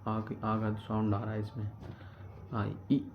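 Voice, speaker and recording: Guy teaching grammar, low flat voice, keeps asking n answering his own questions, dull noisy recording. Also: measured pace. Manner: explains step by step, repeats key terms, asks and answers his own questions. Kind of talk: classroom grammar lesson. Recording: dull lo-fi recording with background noise.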